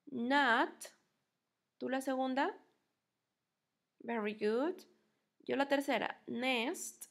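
Slow, gravelly-voiced woman teaching phonics. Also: a little high. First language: Spanish. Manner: slow, patient, repeats words for the learner. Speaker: English teacher. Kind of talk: children's phonics lesson.

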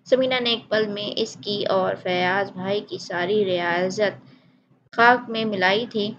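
A woman narrating a novel as an audiobook reading, in an even, measured storytelling manner. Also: medium pitch, lo-fi sound, background noise.

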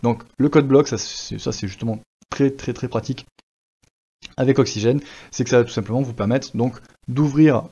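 A man's voice: medium pitch, normal speed, dark tone, breathy edge. Chatty man with a dull lo-fi sound. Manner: chatty, many fillers like voilà and justement. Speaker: web design instructor. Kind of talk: screen-recorded software tutorial.

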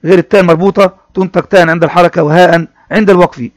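Male teacher, high-pitched, slow repetitive explanations for young pupils, dry close sound. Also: steady tone, no echo. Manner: explains each word slowly, addressing pupils, repeating phrases. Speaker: primary school teacher. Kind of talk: classroom reading lesson.

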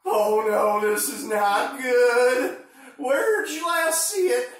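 A man voicing a goofy, excitable sock puppet in an amateur skit, with an exaggerated, halting delivery. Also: very high voice. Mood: concerned. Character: goofy, excitable sock puppet fretting over his friend. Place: home kitchen, indoors. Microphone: distant camera. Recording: echoey kitchen, far from mic.

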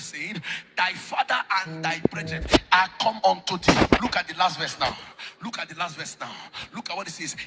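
A man's voice: high-pitched, creaky, bright, forceful tone. A man preaching a sermon, reading scripture aloud and calling out verses with emphatic stress. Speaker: pastor.

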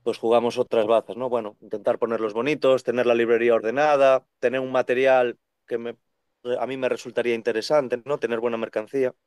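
Animated young bookseller, smooth dry voice. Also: male voice, mid-range voice, quick pace, no echo. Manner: animated, talks in long runs and acts out quoted voices. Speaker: second-hand bookseller. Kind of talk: casual conversational interview. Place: bookshop with full shelves behind. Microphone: video call webcam.

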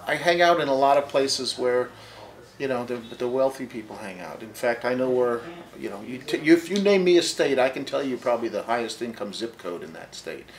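A man's voice: medium pitch, animated, brisk, poor audio. A man in his sixties, an author and long-haul trucker, telling stories in an easygoing, wry way during a bookstore interview, seated in an armchair with a lapel mic. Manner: wry, easygoing, drifts quieter as he goes on. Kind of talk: casual interview storytelling.

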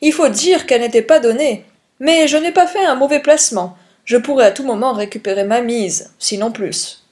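A woman's voice: a little high, normal speed, a little mellow, natural voice. A woman reading the part of a smug, talkative wealthy businessman, in a spoken storybook. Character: self-satisfied wealthy husband, businessman.

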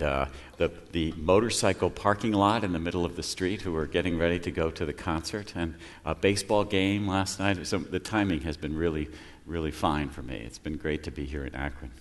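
A man telling jokes and stories in a folksy, humorous manner at a live storytelling show. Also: sits low. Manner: folksy, joking delivery. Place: festival stage in a library. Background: banjo playing.

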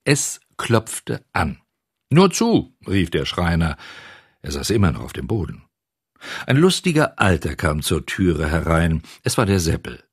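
A man narrating a classic fairy tale audiobook, with expressive storytelling and pauses. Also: low voice, breathy edge, no echo, clean studio sound.

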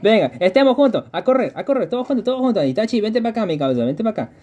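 Lively, husky-voiced streamer. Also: male voice, high voice, fast talker, highs cut off. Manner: chatty, greets viewers, repeats phrases in bursts. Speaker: game streamer. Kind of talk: live gameplay stream, chatting with viewers.

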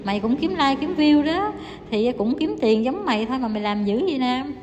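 A woman delivers a heated, scolding monologue and taunts her target over and over. Her voice sits a little high, and it rings with a long reverb over faint background noise. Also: expressive, a little fast, darkish tone, dull audio. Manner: scolding, taunting, repetitive and emphatic. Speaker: YouTuber ranting to viewers.

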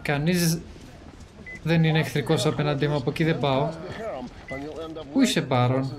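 A man's voice: a little high, a crowd in the background. A man from Greece giving playful, teasing commentary while playing a video game. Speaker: gaming channel host. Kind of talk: joking let's-play commentary. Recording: voice over game music.

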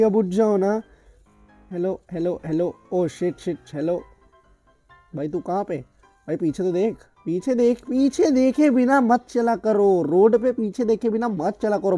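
A high-pitched man gives excitable live gameplay commentary, trash-talking opponents and his own bots. His voice is dark and mellow despite the high pitch, recorded dry and close. Game music plays faintly behind him. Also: dry recording. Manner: excitable, trash-talking banter in Hindi-English mix. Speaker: gaming channel host.

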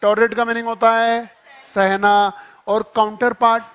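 A man's voice: extremely high pitch, little pitch movement, a little slow, a bit bright, smooth. A man with an Indian accent teaching vocabulary in a classroom, explaining words through playful examples and little acted-out scenes, switching between Hindi and English.

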